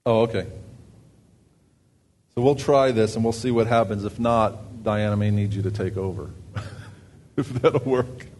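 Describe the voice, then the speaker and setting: A man's voice: on the low side, a little slow, pauses often, darkish tone, slight background noise. A man, a pastor, giving announcements and a sermon in a conversational way, thinking aloud with fillers and restarts.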